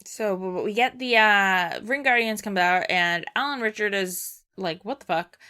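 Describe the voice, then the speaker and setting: A woman's voice: medium pitch, measured pace, bright, forceful tone, a little hiss or hum. A woman co-hosting a casual chat, explaining a video game's story in a rambling way. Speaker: podcast co-host.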